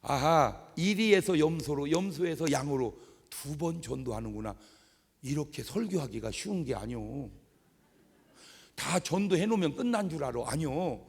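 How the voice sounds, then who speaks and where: Raspy, lively Korean pastor preaching. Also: male voice, a little high, normal speed. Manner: animated, joking, acts out wailing mourners. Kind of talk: revival sermon. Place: large church sanctuary. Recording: echoey hall with long reverb.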